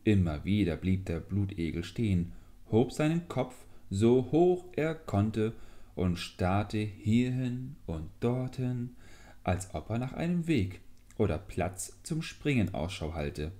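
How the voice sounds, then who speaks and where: A man reading a fairy tale aloud in a deliberate, expressive storybook manner. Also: fairly low pitch. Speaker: audiobook reader. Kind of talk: storybook narration.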